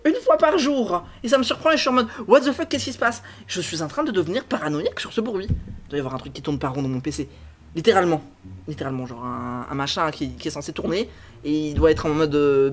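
A man's voice: on the high side, a little hiss or hum. A man streaming a mystery game from his computer, thinking aloud in a rambling, hesitant way with many fillers and restarts, joking and getting sidetracked. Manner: jokey, self-talking, easily sidetracked. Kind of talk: live-stream gameplay commentary.

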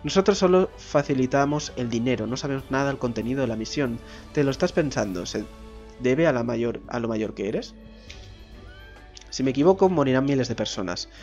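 A man's voice: medium pitch, expressive, fairly quick, darkish tone, muffled recording, soft background music. Man reading game dialogue. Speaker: gameplay commentator. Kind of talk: reading game dialogue aloud with casual asides.

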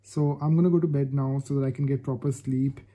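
A man's voice: medium pitch, steady tone, fast, dark tone, dry recording. A man in his twenties vlogging his travels, talking straight to his viewers with eager enthusiasm. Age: 20s. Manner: enthusiastic, talks directly to viewers. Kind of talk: casual travel vlog to camera. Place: outdoors and in a rented cottage while travelling.

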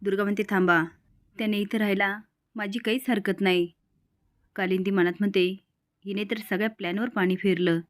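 A woman's voice: mid-range voice, fairly even intonation, a little fast. A woman narrating a recap of a TV serial episode and reading out each character's quoted lines in turn.

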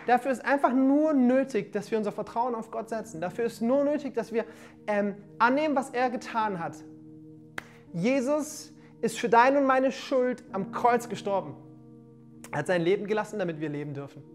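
A woman in her thirties delivers a livestreamed sermon, speaking straight to her viewers. She sounds energetic and direct, often calling out to them, and sometimes sinks into soft, quiet passages. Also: a little high, moderate pace, soft background music. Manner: energetic, addressing listeners directly with "hey" and "come on". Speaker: preacher.

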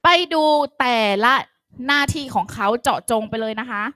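A woman teaching a grammar lesson, coaxing her students with frequent questions and soft, polite phrasing. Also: on the high side, normal speed, dry recording. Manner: calls students "child", softens lines with polite particles. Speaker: English teacher. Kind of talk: online classroom lecture.

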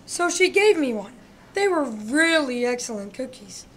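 A woman's voice: high-pitched, very animated, unhurried, fairly bright tone, full character voice. A woman voicing a male big bad wolf in a comic radio play, telling his side of the story with indignant self-pity. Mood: aggrieved. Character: male big bad wolf, aggrieved smooth-talking hustler.

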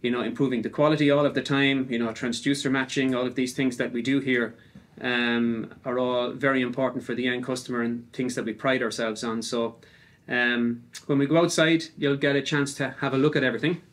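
A man welcoming visitors as a factory tour guide, halting and repeating his words. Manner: halting, repeats words, steady flat pitch. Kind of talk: informal tour welcome speech.

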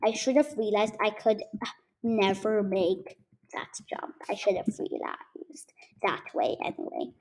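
A woman's voice: mid-range voice, unhurried, noisy background. A woman chatting casually while playing a game, rambling with many fillers and teasing her viewers. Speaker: gaming YouTuber. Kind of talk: casual gameplay commentary.

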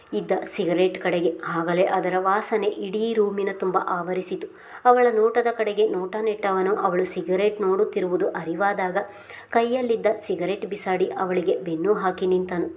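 A woman reading a serialized romance novel aloud in a steady, unhurried way. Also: mid-range voice. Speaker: narrator.

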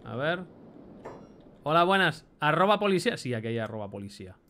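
A man's voice: mid-range voice, expressive, moderate pace, sharp tone, slight background noise. A young man with a Spain Spanish accent giving chatty let's play commentary, swearing casually and reading item names aloud. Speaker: gameplay commentator.

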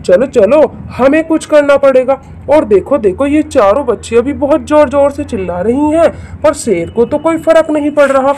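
High-voiced woman narrating a doll play. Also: normal speed, few pauses, dark tone, a little hiss or hum. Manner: exclaiming, repeats "look, look" and "very good"; addresses children directly. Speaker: storyteller for a toy channel.

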